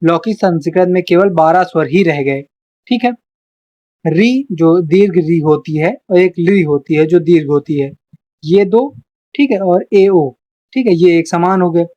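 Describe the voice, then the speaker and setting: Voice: mid-range voice, a little slow. A tutor giving an exam-prep lecture, reading from notes and then explaining, listing terms one by one and checking in with a frequent "okay" between points. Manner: lists terms one by one, steady explanatory delivery. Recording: dull lo-fi recording.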